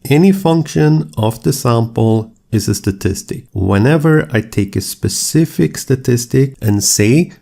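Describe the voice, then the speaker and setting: A man explaining statistics as a lecturer, in a measured, steady, explanatory way. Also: medium pitch, gravelly. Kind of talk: scripted lecture narration.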